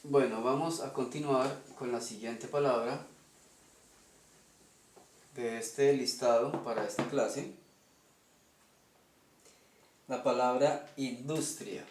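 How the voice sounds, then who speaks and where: A man's voice: mid-range voice, slow pace, a little mellow, echoey room, slight background noise. A man with a Colombian Spanish accent teaching a lesson step by step, stopping often to ask "ok?". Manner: methodical, checks in with "ok?". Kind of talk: explaining an invented language at a whiteboard.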